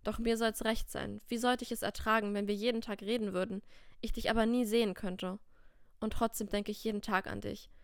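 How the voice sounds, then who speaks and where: A woman voicing a shy, tidy young man in a storybook, reading his lines and love letters in her own smooth voice. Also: mid-range voice, level tone, brisk, dry recording, studio quality, natural voice. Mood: tender.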